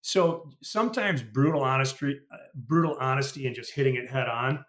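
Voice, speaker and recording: A man's voice: mid-range voice, normal speed, a bit bright. A middle-aged man, a podcast guest and retired sales executive, telling candid work stories in a casual, rambling way. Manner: candid, anecdotal, many restarts and "you know". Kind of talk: casual storytelling interview. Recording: roomy echo.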